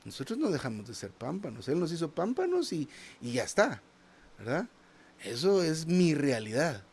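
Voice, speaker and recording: A man's voice: on the high side, huge pitch swings, normal speed, a little mellow, husky. Man preaching in a conversational tone. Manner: conversational, asks the listeners "¿verdad?" often; repeats small words while searching for the next phrase. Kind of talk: sermon.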